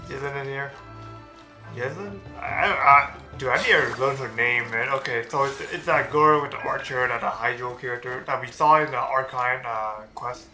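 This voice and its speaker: Over game music, a man streams a video game, commenting casually at a moderate pace in a medium-pitched, bright, forceful voice. He rambles, with many fillers and restarts.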